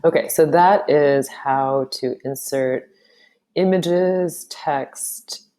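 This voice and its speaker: A woman teacher walking through a software tutorial, talking casually and thinking aloud with frequent ums. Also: deep voice, extremely slow. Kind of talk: screen-recorded software tutorial.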